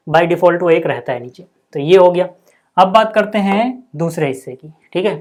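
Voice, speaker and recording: A man teaching a school maths lesson, patient and step by step, checking in often with the class. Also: high voice.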